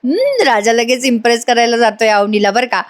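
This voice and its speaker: A woman's voice: fairly high pitch, expressive, brisk. A woman narrating a voice-over review, chatty and opinionated as she retells a TV serial episode.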